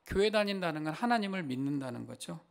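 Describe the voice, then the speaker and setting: A man's voice: on the high side, animated, quick pace, creaky. A man preaching a sermon as pastor, impassioned, often asking the congregation rhetorical questions. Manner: impassioned, rising loud when voicing Job's complaints.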